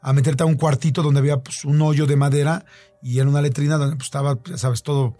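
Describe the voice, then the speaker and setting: Animated Mexican man telling a story. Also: a little high, quick pace, no room sound. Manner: animated storyteller, fillers and repeats. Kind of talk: casual storytelling chat.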